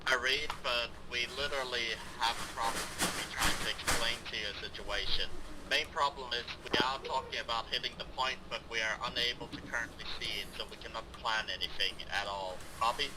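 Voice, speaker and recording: A man's voice: medium pitch, steady tone, a little fast, very noisy. A man reporting to command over a helmet radio in a tactical game, in terse, procedural radio talk. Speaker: squad leader reporting to command.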